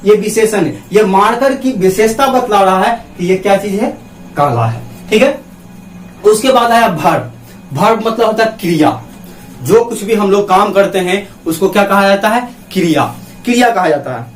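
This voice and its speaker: A man teaching a grammar lesson at a board, asking his class questions and answering them himself. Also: sits high. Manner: writes on a board with a marker. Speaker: English teacher. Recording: roomy, from some distance.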